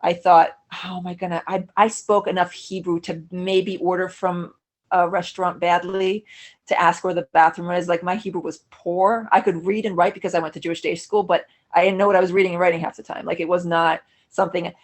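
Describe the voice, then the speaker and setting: A middle-aged native Russian speaker, appearing as a guest on a podcast, chats casually in a fairly low voice with little pitch movement, talking a little fast. She's thoughtful and self-correcting, often restarting sentences and using fillers in this conversational interview.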